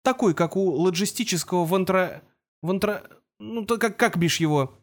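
A man's voice: high voice, moderate pace. A man voicing a mild, bemused ordinary man in an audiobook, speaking in a plain, hesitant way. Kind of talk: audiobook character voice.

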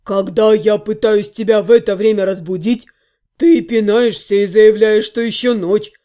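A woman voicing a blunt, sardonic male half-gnome who talks in a gruff, dry way. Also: high voice, steady tone, normal speed, warm tone, pitched below the performer's own voice, close to an everyday voice. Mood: grumbling. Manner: gruff, dry and matter-of-fact.

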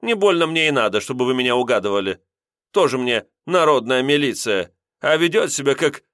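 A man voicing a chatty, quick-talking middle-aged female bus conductress with a sing-song lilt. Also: a little high, big pitch swings, fairly bright tone, no room sound, studio quality, pitched above the performer's own voice. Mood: chatty, indignant.

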